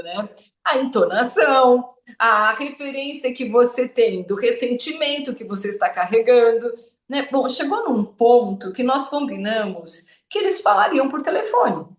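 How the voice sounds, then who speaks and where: Lively high-voiced woman podcast host. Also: echoey room. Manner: animated storytelling, acts out quoted voices. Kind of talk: casual chat.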